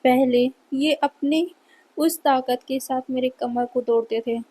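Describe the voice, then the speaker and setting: A woman's voice: high voice, fairly even intonation, measured pace, dark tone, slightly rough, low-quality recording. A woman voicing a cheeky young man who teases his partner, in a fan fiction read-aloud. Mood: dismayed. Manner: teasing, mocking.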